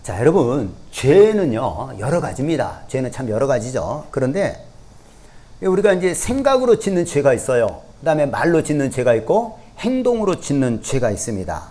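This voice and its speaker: Lively, emphatic male preacher. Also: mid-range voice, normal speed. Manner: emphatic preaching with rhetorical questions to the congregation. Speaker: pastor. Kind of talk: sermon.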